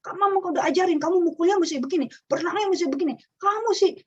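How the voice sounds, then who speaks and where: A woman playing a shrill nagging mother. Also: rapid-fire, muffled recording. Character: anxious nagging mother scolding her child.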